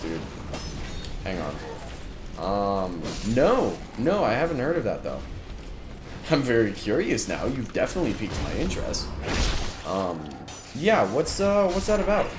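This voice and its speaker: A male streamer rants through a live let's-play, exasperated and tripping over restarts. His pitch jumps around a lot, with a roomy echo and a steady noise bed behind him. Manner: exasperated ranting, frequent restarts. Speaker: gaming streamer. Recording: echoey room with background noise.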